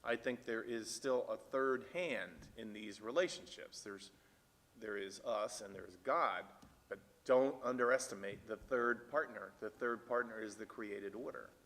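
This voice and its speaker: A man leading a church Bible discussion, thinking aloud with halting restarts and growing animated when he reads the text aloud. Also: lowish voice. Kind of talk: casual discussion. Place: church meeting room. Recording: church room with long reverb.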